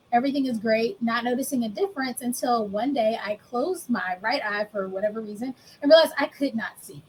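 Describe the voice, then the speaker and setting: The voice is on the high side: an interview guest in her thirties from the US, recounting her story frankly and simply while laughing at herself. The recording is rough, with a little hiss or hum.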